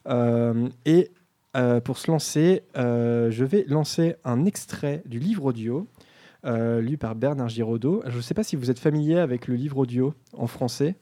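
A man's voice: medium pitch, unhurried, warm tone. A man hosting a casual group discussion, talking with frequent hesitations and fillers. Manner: hesitant, many fillers, friendly. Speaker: discussion host.

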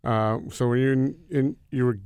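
Rambling male interviewer, smooth voice. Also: mid-range voice, steady tone, moderate pace, darkish tone, no echo. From Connecticut, United States. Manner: rambling questions, restarts. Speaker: podcast host, interviewer. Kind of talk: casual interview conversation.

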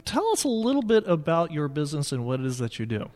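A male podcast host with a higher, animated voice prompts his guest with curious questions. He is recorded in a big banquet room, and the hall echo rings behind him. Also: fast talker. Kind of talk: interviewing a guest. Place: golf course banquet room with reverb.

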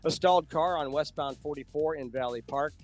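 A man's voice: fairly high pitch, brisk, faint music behind. An American man reading a scripted traffic report and sponsor message on the radio.

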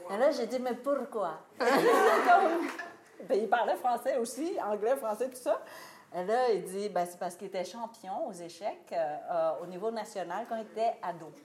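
A woman telling a lively anecdote to an audience, laughing often and acting out what people said. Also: mid-range voice, moderate pace, slight background noise. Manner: animated storytelling, laughing often, acts out quoted lines. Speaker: guest author telling a story. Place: live talk venue. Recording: roomy live venue, faint ambience.

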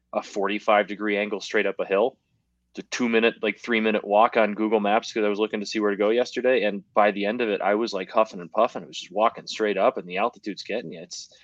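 A young man with a low voice chats about betting in a rambling, filler-heavy way and sounds slightly out of breath. The recording is dull and dry. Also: no room sound. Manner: chatty, rambling, many fillers. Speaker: sports betting podcast co-host. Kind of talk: casual sports betting chat. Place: hotel at high altitude.

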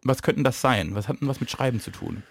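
A man's voice: mid-range voice, fairly quick, creaky, slightly rough, no room sound, clean studio sound. A man co-hosting a podcast in casual comedic chat, rambling and playful, often trailing off mid-sentence. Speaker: podcast co-host.

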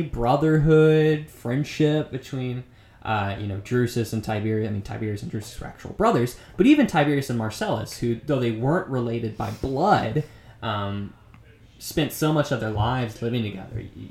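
A man's voice: medium pitch, a little mellow, reverberant. A man co-hosting a casual history podcast, explaining things with frequent ums. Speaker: podcast co-host.

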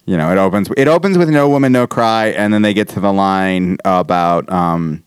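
Guy chatting on a podcast, smooth clear voice, dry close sound, rambly and jokey. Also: sits low, normal speed, no echo. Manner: rambling, laughing, swearing. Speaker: podcast co-host. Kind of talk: casual chat.

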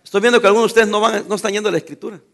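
Male pastor, high bright voice, emphatic sermon delivery with call-and-response and teasing asides. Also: fairly even intonation, rapid-fire, vocal fry. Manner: emphatic preaching, call-and-response questions to the congregation.

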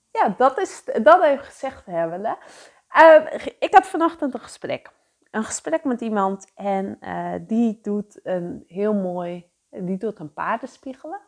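A woman talks slowly and steadily through an unscripted solo podcast aimed at horse riders. She often hesitates, restarts and repeats herself between fillers. She turns to the listener with direct, reflective questions. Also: mid-range voice.

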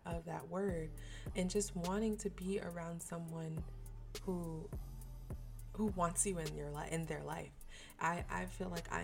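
A woman hosts her own podcast in a slightly low voice, talking openly in a loose, slangy way. She restarts her phrases often and keeps an earnest tone. Soft music plays faintly behind her. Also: creaky. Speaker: podcast host. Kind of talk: candid solo podcast talk.

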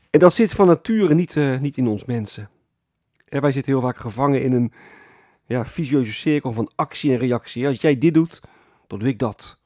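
A man preaching a sermon as pastor, explaining calmly and often adding a tag word to his points. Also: mid-range voice, dry recording, studio quality. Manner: calm explanatory preaching with frequent "hè" tags.

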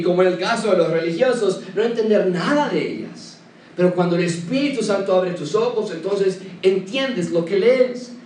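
Male preacher, high pitch, sermon delivery, direct and instructive, distant mic in a reverberant hall. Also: a little mellow. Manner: direct, addresses listener with practical advice. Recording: echoey, from a distance, faint noise.

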